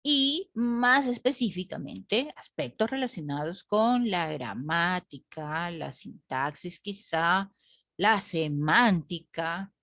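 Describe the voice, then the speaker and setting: A woman's voice: fairly low pitch, expressive, slow, a bit bright, no echo, clean studio sound. A woman teacher lecturing a class online, asking the group rhetorical questions and often adding "¿no?".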